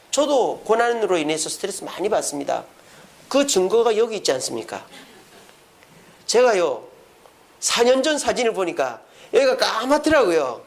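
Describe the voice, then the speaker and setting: A man preaching as a pastor at a church prayer service, posing questions to the congregation and answering them himself. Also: high voice. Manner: acts out quoted speech in lively voices. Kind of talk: sermon.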